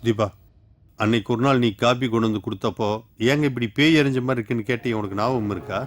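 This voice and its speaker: A man playing a calm reassuring husband. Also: mid-range voice, fast talker, a little hiss or hum, natural voice. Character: man husband selling a haunted house. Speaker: husband in a horror film. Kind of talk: film dialogue. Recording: film soundtrack with music.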